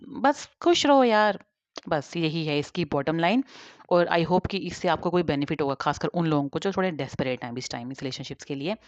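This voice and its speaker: A woman's voice: deep voice, no echo. Chatty woman giving casual advice, dull dry sound. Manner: chatty and informal, addresses viewers directly. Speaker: advice vlogger.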